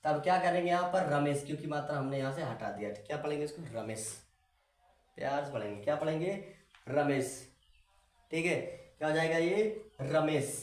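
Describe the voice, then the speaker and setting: A man teaches in a casual, repetitive way, forever checking in with questions to his listener. His voice sits a little high for a man and sounds set back from the microphone in a roomy, echoing space. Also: brisk, recorded from a distance. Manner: repetitive, keeps asking the viewer questions. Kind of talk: casual spoken lesson. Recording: echoey room, voice away from the mic.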